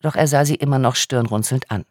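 A male narrator reads the story in a steady, even manner. His voice is mid-pitched and recorded close and dry, with no room sound. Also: a little fast, no echo. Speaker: audiobook narrator. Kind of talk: scripted narration.

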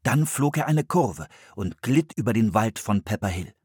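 A man narrating a children's storybook with a lively, rising and falling delivery. His voice is a little husky, and the recording is close and dry. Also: lowish voice, moderate pace, no room sound. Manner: expressive storytelling. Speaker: audiobook narrator. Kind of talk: scripted narration.

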